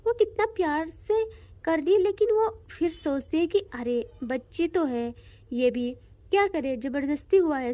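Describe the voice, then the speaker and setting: A woman narrating a romantic audio story in an expressive, emotive storytelling manner. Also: very high voice, no room sound.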